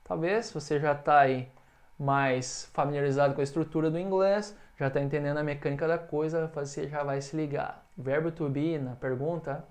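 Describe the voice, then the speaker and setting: A man's voice: a little high, steady tone, moderate pace. A man with a Brazilian Portuguese accent, teaching English in a video lesson and stretching out example phrases for the learner to repeat.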